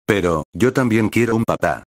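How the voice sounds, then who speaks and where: A scared, sobbing young boy, read aloud by a man with a low, steady voice. He stumbles over his words and pleads hesitantly. The sound is close and dry. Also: moderate pace, no echo, natural voice. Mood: scared pleading. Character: frightened tearful young boy.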